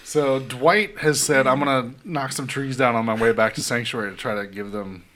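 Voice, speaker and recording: A man's voice: medium pitch, steady tone, moderate pace, a crowd in the background. A man casually recapping a TV episode for his co-hosts, acting out the characters' lines as he goes. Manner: laid-back storytelling, acts out characters' lines. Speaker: podcast host recapping a TV episode. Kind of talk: casual chat.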